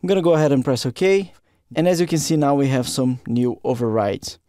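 A man teaching a software tutorial, explaining each step in a steady walkthrough while recording his screen. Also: mid-range voice, fairly quick, no room sound, clean studio sound. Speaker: software instructor.

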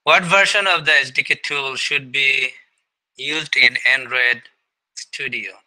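A man's voice: medium pitch, fairly even intonation, slow pace, pushed and bright, rough recording. A man leading an online student meeting over a video call, encouraging and full of fillers and restarts. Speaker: meeting leader and mentor.

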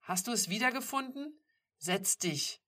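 Brisk middle-aged mom, high and busy, husky tone, read by a woman. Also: expressive, bright, forceful tone, far from the mic, heavily acted. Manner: calling out, brisk.

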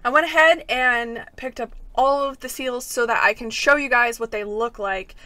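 A woman's voice: fairly high pitch, normal speed, pushed and bright, no echo. A young adult woman giving casual, giggly, enthusiastic commentary as she plays a video game. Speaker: host of a video game play-through.

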